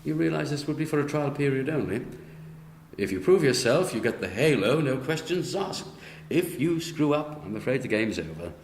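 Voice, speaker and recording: A man playing an officious, evasive head angel in a radio drama, speaking in a formal, measured, bureaucratic manner. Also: medium pitch, very animated, creaky. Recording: roomy echo, faint noise.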